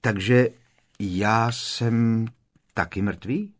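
A man's voice: lowish voice, fairly even intonation, voice pushed up, natural voice. A man voicing an earnest, bewildered teenage boy wizard in an audiobook, hesitant as he asks. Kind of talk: audiobook character voice.

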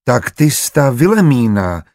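A man voicing a gruff older bailiff who barks out blunt questions. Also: mid-range voice, big pitch swings, darkish tone, no room sound, clean studio sound, pitched above the performer's own voice. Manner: barking, blunt.

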